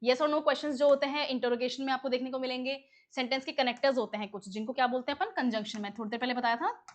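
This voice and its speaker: An English teacher with a slightly higher-than-average voice gives an exam-prep lesson at a quick pace. She explains patiently, step by step, and keeps checking that her students follow.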